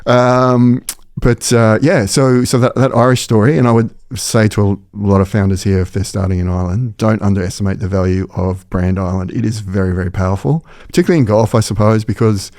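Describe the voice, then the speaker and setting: A middle-aged Australian man speaking as a podcast guest, rattling along at a brisk clip in a fairly low, mellow voice. He sounds keen and chatty and circles back over his phrases as he works out his thoughts. The sound is close and dry, with almost no room around him. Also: fairly even intonation, no room sound. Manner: quick, enthusiastic, repeats phrases while thinking. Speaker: podcast guest, company founder. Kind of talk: casual interview talk.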